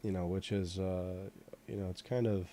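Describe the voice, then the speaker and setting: Male host, low and mellow, loose rambling chat full of fillers, casual swearing. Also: steady tone, moderate pace, slight background noise. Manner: rambling, heavy on fillers like "you know" and "like". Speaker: host sculpting in 3D software. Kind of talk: casual chat while working.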